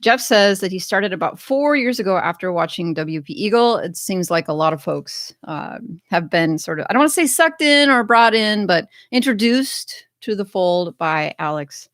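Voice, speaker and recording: A woman's voice: medium pitch, animated, normal speed, fairly bright tone, no echo, clean studio sound. An American woman hosting a casual livestream, chatting upbeat and reading viewer comments aloud. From United States. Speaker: livestream host.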